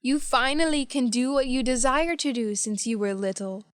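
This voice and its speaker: Woman, scripted beginner English dialogue, slow careful delivery, smooth clear tone, dry close sound. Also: sits high, dry recording.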